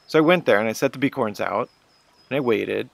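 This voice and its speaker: A man's voice: medium pitch, a little fast, gravelly, dry recording. A man narrating a wildlife photo video in casual storytelling, earnest and self-deprecating.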